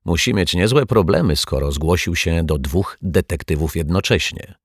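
A man's voice: low voice, moderate pace, dry recording, studio quality. A man voicing a building caretaker who speaks bluntly and asks puzzled questions.

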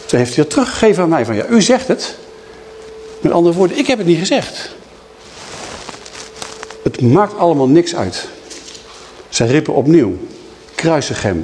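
A man preaching a Bible teaching, telling the story in a lively way and voicing the people in it. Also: on the high side, slight background noise. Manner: lively storytelling, acting out quoted speakers. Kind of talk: sermon teaching.

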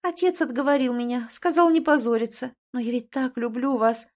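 A woman's voice: sits high, unhurried, pitched above the performer's own voice. Woman voicing a sing-song scheming dragoness. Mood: sultry. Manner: sing-song, wheedling, theatrical.

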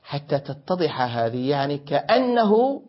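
A man's voice: on the high side, big pitch swings, measured pace. Man teaching grammar in a lo-fi recording. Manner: questions students and corrects their answers; explains by repeating and rephrasing. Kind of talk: classroom lesson. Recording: dull lo-fi classroom recording.

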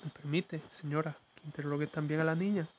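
A man's voice: fairly high pitch, fairly even intonation, fairly quick, a little hiss or hum, lightly acted. A man reading a story, voicing a pushy, sly police officer who coaxes a child in a sugary tone. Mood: coaxing. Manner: sugary coaxing turning sharp.

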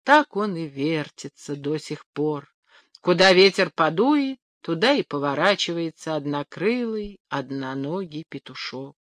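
A woman narrating a fairy tale in an expressive storytelling manner. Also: low voice, a little slow, dry recording. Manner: animated storyteller.

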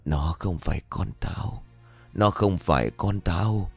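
A man voicing a possessed young husband, slowly muttering in an eerie low voice. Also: a little mellow, breathy edge, soft background music, heavily acted.

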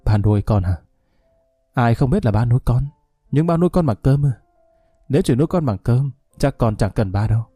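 A man's voice: medium pitch, animated, a little fast, long pauses, warm tone, breathy edge, no room sound, clean studio sound, soft background music. A man voicing a grieving young man who answers his father with cool, mocking sarcasm.

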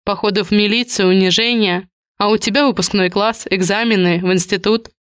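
A woman voicing a retired police officer, a calm and careful father, in an audiobook. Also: mid-range voice, clean tone, no room sound, clean studio sound, natural voice. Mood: gentle. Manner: measured, careful.

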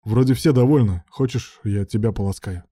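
Narrator doing a sly bossy guy, sarcastic and teasing, low dark voice. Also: moderate pace, no room sound, clean studio sound, close to an everyday voice. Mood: mocking.

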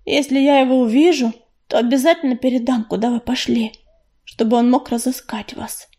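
A woman voicing a gentle, homebound female house cat in an audiobook, speaking softly and earnestly. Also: a little high, steady tone, a little fast, husky.

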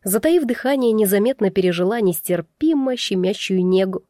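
Woman reader, expressive first-person audiobook narration, dry close recording. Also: medium pitch, normal speed, no room sound.

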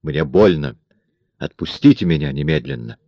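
A man voicing a furious young woman in an audiobook, with indignant, sharp outbursts. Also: a bass voice, normal speed, vocal fry, dry recording, muffled recording, heavily acted. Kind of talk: audiobook character reading.

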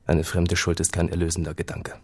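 In a literary radio drama, a male actor whose voice sits low and stays monotone portrays a brooding, solemn farmer. He delivers his lines gravely and with deliberation.

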